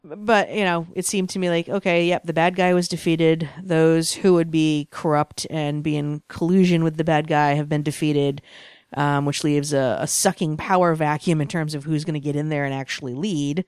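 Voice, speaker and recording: A speaker from Boston rambles through thoughts on a movie in a relaxed podcast chat, with plenty of hedges and laughter. The voice is smooth and clear. It is recorded dry and close. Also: medium pitch, normal speed, no room sound. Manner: rambling, hedging, laughs often. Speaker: podcast co-host. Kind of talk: casual movie review chat.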